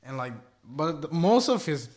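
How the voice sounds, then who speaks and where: A man's voice: a little high, moderate pace. A man co-hosting a podcast, chatting loosely about films with plenty of filler words. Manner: relaxed, loose with many fillers. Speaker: podcast co-host. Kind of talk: casual film chat. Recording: echoey room.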